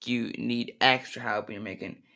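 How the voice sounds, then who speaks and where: A man's voice: mid-range voice, fairly even intonation, normal speed, vocal fry, bright, forceful tone. A man reacting to a video, giving hesitant, rambling casual commentary.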